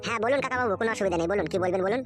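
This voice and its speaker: Woman voicing a young eloping lover boy, sweet-talking, polite, rapid speech. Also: mid-range voice, natural voice. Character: lovestruck young village man eloping with his sweetheart. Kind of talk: comic audio drama. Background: background music.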